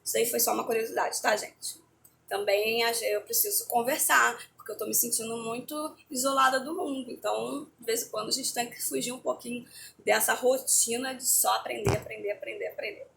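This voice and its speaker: A woman's voice: a little high, steady tone, brisk, gravelly, noisy background. A woman teacher giving a remote lesson, explaining a textbook in a chatty way and often checking in with her students.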